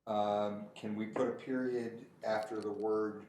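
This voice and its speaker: A man chairs a policy meeting at an unhurried, halting pace, filling gaps with ums. He sounds set back from the microphone in a roomy space. A steady hiss of noise sits under his voice. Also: on the low side. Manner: slow, hesitant, many ums. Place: school office meeting room. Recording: roomy, distant, noisy meeting room mic.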